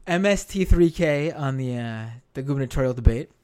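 An American man with a hoarse, worn-out voice hosts a live stream, talking casually and haltingly, repeating phrases for emphasis. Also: mid-range voice, lively intonation, darkish tone. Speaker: live stream show host.

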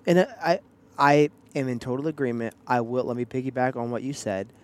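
Male podcast co-host, average pitch, casual, playful teasing storyteller who acts out quotes. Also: brisk, darkish tone. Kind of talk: casual chat.

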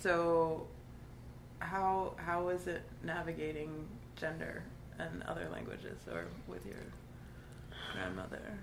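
A woman interviewing for an oral history project, asking questions hesitantly with pauses and fillers. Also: sits low. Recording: echoey room with clear background noise.

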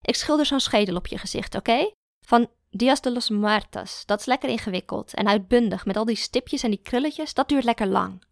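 A woman voicing a blunt, bossy young female art student who talks in a direct, teasing way, in a gravelly voice. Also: a little high, a little fast, no room sound, clean studio sound.

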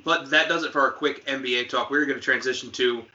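Man cohosting a sports podcast, bright voice, quizzes his buddy and cracks jokes. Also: mid-range voice, fairly even intonation, highs cut off. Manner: quizzing, joking, quick asides. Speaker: podcast co-host. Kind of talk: casual sports chat.

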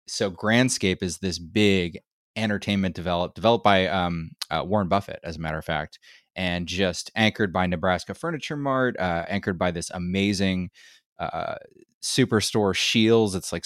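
A low-voiced man with a rough, gravelly whiskey tone, a bit hoarse from a lot of talking. He speaks conversationally as an interview guest, wandering through his points. The sound is close and dry. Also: no room sound. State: slightly hoarse from much talking. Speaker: podcast guest, retail research lead. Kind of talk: casual interview talk.

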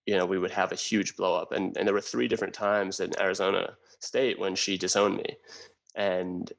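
A man in his thirties from New Jersey, telling his own hard life story as a guest in an earnest, halting way, often restarting his sentences. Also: fairly low pitch, vocal fry, fairly bright tone, rough recording. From New Jersey, USA. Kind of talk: candid personal storytelling.

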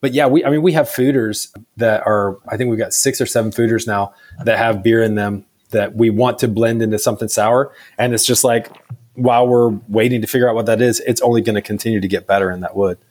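A man's voice: fairly low pitch, fairly even intonation, brisk, a little mellow. A man answering interview questions about his brewery in a loose, chatty way, full of fillers. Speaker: brewery staff guest.

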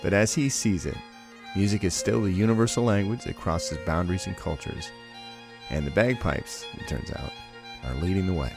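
A man's voice: low-pitched, normal speed, vocal fry, music in the background. A man hosting a podcast interview, talking enthusiastically and rambling as he tells stories from his home. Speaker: podcast host. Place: home in Hawaii.

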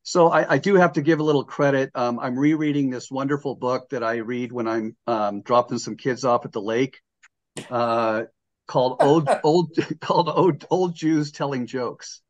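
An older man hosts a sports podcast in a loose, jokey, rambling way, restarting his sentences as he goes. His voice sits at a middling pitch, and the recording sounds a little dull and lo-fi. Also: normal speed. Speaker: podcast host. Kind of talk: casual sports podcast chat.

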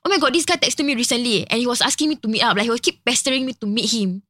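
A woman's voice: on the high side, very fast, pushed and bright. A woman with a colloquial Singaporean accent, a podcast guest recounting things casually in Singlish slang, often quoting people as she goes. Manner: slangy, full of quoted speech and discourse particles.

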